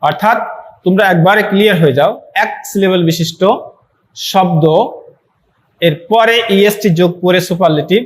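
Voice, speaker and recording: Male tutor, high-ish voice, online grammar class, repetitive and encouraging. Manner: repeats words slowly for students to say aloud; encouraging, motivational asides. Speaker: English teacher.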